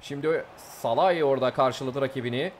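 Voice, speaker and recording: A young man giving live, excitable commentary on his own gameplay, jumping from calm play-by-play to angry outbursts. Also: mid-range voice, fairly quick, crowd noise. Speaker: gameplay streamer.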